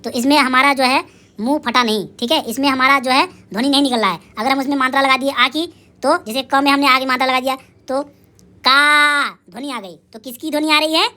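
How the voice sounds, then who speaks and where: With a high voice, a woman who teaches primary school runs an energetic recorded lesson for little kids. She poses questions and supplies the answers, stretches syllables out slowly, and cheers the children on.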